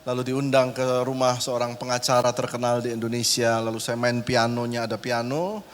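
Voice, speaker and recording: A man in his forties preaching a sermon, telling stories with humor and acting out the voices of people in them. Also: mid-range voice. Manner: animated, jokey, acts out voices in his stories. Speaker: pastor. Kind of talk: sermon with storytelling. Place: large church hall. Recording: live church recording with long reverb.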